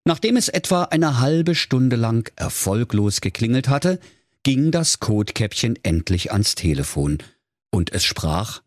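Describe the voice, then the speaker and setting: A man tells comic fairy tales in a broad Saxon accent, playing it theatrical and mock-solemn. His mid-pitched voice rises and falls dramatically. The sound is close and dry. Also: big pitch swings, unhurried, no echo. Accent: Saxon German. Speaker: storyteller. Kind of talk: comic fairy-tale narration.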